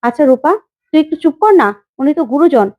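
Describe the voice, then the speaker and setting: A woman's voice: high-pitched, fast, phone-quality sound, lightly acted. Woman reading as a chiding aunt. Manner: chiding, placating. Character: calm aunt trying to hush a niece.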